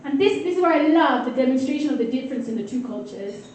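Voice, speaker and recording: Heard from afar in an echoey hall, a fast-talking, animated Kenyan comedian with a high-pitched, slightly mellow voice teases her crowd playfully during a stand-up set. Audience laughter and murmur add slight background noise.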